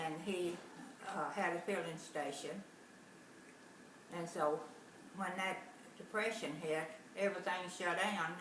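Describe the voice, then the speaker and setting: Woman in her nineties, halting recollection, distant mic, echoey room with background noise. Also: on the low side, a bit bright. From Arkansas. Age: 90s. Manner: slow, halting recollection, hard of hearing. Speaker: interviewee, grandmother. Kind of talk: casual family interview.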